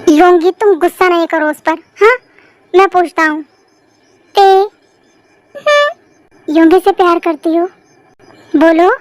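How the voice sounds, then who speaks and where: A woman's voice: very high-pitched, expressive, measured pace, long pauses, no room sound. A woman voicing a defensive young husband who speaks firmly and warningly. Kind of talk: fan audio story voice acting.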